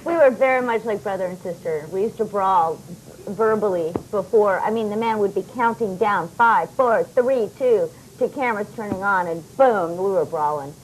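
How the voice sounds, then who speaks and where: A woman's voice: mid-range voice, normal speed, low-quality recording. A woman in her thirties, a talk show guest gushing enthusiastically, heard from a worn VHS tape copy. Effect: worn VHS tape copy, faintly hissy. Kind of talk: gushing chat.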